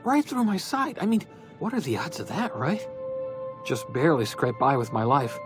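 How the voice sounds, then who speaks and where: High-voiced wounded company guard. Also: male voice, big pitch swings, normal speed, music in the background. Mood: pained, rueful. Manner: colloquial, slogan-reciting, pained. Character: wounded, chatty corporate guard, dutiful and hapless. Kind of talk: video game character dialogue.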